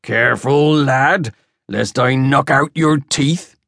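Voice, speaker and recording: A man voicing a burly, boastful axeman who is tipsy, with a deep rumbling voice and slow, swaying delivery. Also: vocal fry, a bit bright, dry recording, clean studio sound, exaggerated voice. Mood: gruff. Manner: tipsy, swaying, hiccuping toasts. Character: burly drunken male axeman, boastful and gruff.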